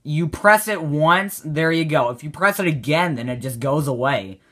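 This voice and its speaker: A man doing reaction commentary on his own old gaming video, excitable and mocking himself. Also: fairly high pitch, normal speed. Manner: mocking, self-deprecating, excitable.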